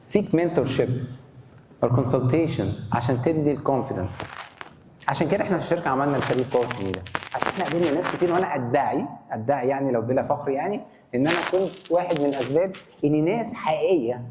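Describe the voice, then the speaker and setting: A man's voice: on the high side, lively intonation, quick pace. A man with an Egyptian Arabic accent giving a conference talk. He asks the audience questions and answers them himself. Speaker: lecturer. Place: conference hall. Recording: echoey hall, faint noise.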